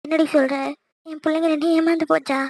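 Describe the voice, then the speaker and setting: A woman's voice: high voice, flat delivery, fast talker, a little mellow, no echo. A woman voicing a worried, talkative middle-aged mother in a cartoon, scolding and dramatic. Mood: fretful. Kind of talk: cartoon voice acting.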